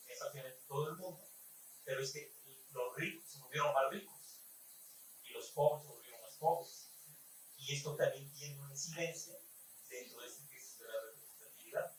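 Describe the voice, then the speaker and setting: A man with a Mexican accent giving a formal, measured comment from the audience at a conference. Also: medium pitch, fairly bright tone. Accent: Mexican Spanish. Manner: formal, measured academic reasoning. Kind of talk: conference question-and-answer comment. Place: conference hall. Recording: very echoey hall, voice far from the mic, faint room noise.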